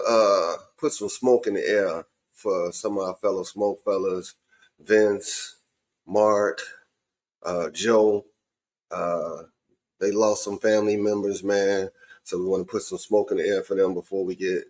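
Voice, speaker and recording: A man's voice: deep voice, a little mellow. A man hosting a podcast, talking casually with his friends in an informal, colloquial way. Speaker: podcast host. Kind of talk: casual sports talk among friends.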